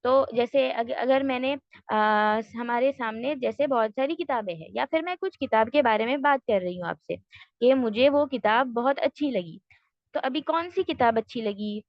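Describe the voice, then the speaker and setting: A woman's voice: a little high, no room sound, dull audio. A woman teaching recitation rules in an online class, explaining step by step, checking that students follow and mixing in English words. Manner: mixes English words into her speech. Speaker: tajweed teacher.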